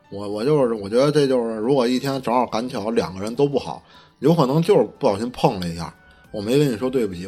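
A podcast co-host chats casually in a mid-range, darkish voice with a breathy edge. He tells stories in a heated, profane way, stumbling through stammering restarts.

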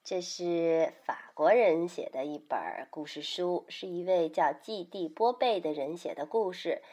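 A woman reading a children's story aloud in an unhurried bedtime manner. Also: fairly low pitch.

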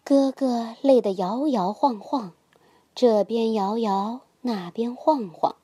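A woman reads a bedtime story for small children, slowly and gently, in a sing-song lilt. Her voice sits a little high and is recorded close on a dry mic. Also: breathy edge, no echo.

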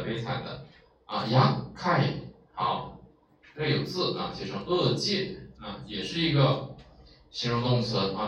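A man's voice: lowish voice, recorded from a distance, a little hiss or hum. Man teaching in an echoey room. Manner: lively, drawn-out explanations with many fillers. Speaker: Japanese vocabulary teacher. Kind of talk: explaining a language lesson.

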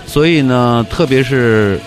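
A man's voice: medium pitch, takes it slowly, faint music behind. A middle-aged man, a musician, recounting things conversationally as an interview guest.

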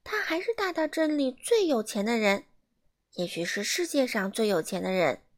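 A woman reading a children's storybook aloud in an animated way, asking the listeners questions. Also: on the high side, normal speed.

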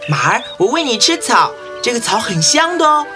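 Lady doing a spoiled little brat boy, high slow whiny voice, music loud under it. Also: sing-song. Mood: gleeful. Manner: whiny, demanding, giggly.

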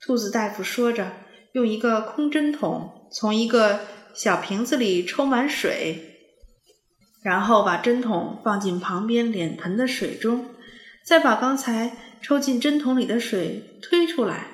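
A woman reads a children's storybook aloud, clear and expressive. Her voice sits fairly high, and an echoey room rings around it. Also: unhurried.

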